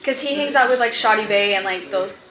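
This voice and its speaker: A woman vlogger with a medium-pitched, slightly bright voice talks a little fast as she explains internet drama to a friend in a bedroom. Her long story rambles along, packed with fillers and lots of "like." The room has a roomy echo, with soft music playing in the background.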